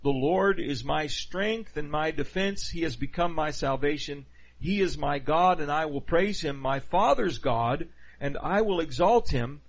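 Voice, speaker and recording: A pastor preaches a teaching sermon conversationally, often putting questions to his listeners. His voice is a little high, animated, and a little slow, and the recording has a dull lo-fi sound.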